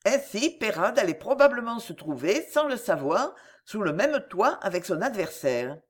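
A woman narrating a classic novel as an audiobook, in an expressive, measured reading. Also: mid-range voice.

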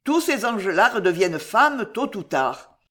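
A narrator voicing a menacing, commanding false priest in an audiobook of a classic novel, with a measured, domineering delivery. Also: mid-range voice, big pitch swings, bright, forceful tone. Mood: scheming.

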